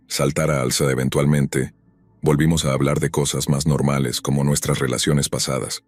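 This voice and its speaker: A man narrating a scary story in a calm, even, scripted way. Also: rumbling low, slightly rough, no echo.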